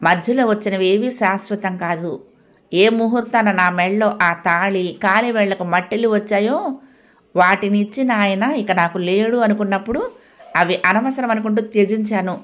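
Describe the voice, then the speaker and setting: A dignified young widow, steady and firm, explaining herself without raising her voice, as a woman reading the story gives her lines. Mid-pitched and even. An audio-novel figure. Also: close to an everyday voice. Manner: calm, measured, firm.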